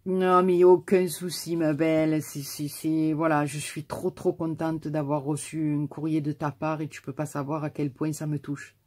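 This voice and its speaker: A woman's voice: low voice, level tone, normal speed, few pauses, a little mellow, no room sound. A woman with a southern French accent chatting casually as she opens her mail, effusive and often repeating herself. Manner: effusive, repeats words and stammers. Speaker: craft YouTuber. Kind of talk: casual mail-opening video.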